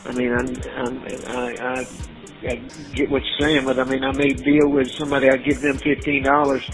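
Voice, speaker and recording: A man's voice: mid-range voice, monotone, normal speed, soft background music, low-quality recording. A man talking casually on a recorded private jail payphone call. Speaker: jail inmate on a phone call.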